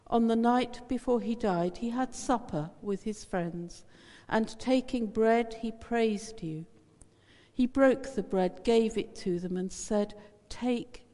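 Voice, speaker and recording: A woman priest leads communion in a measured, solemn intoning voice, heard in a long cathedral echo. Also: medium pitch, dark tone. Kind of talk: reciting a liturgical prayer. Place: large church. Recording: cavernous church reverb, distant.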